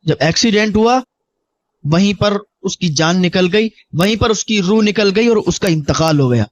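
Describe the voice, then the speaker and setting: A man's voice: high voice, dull audio. A man preaching a sermon, telling a moral story earnestly and exhorting his listeners. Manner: earnest, exhorting, acts out dialogue. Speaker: Islamic preacher.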